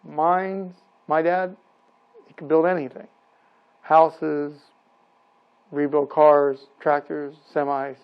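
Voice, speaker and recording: A man giving a personal testimony about his late father in a plain, steady way. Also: a little high, takes it slowly, long pauses, smooth. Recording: dull lo-fi sound.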